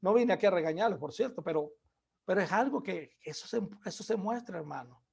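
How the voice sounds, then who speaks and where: A man preaching a sermon, earnestly exhorting his listeners and calling them brothers, dropping to a soft low voice on asides. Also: lively intonation, a little fast, gravelly, breathy edge.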